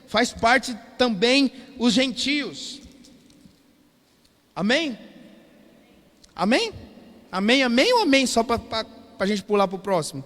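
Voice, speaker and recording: A man's voice: very high-pitched, sing-song, takes it slowly, pauses often, fairly bright tone, in a large hall. A Brazilian man preaching a sermon as pastor, calling out to the congregation and asking "Amém?" again and again. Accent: Brazilian Portuguese. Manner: call-and-response preaching, repeated "Amém?". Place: church hall.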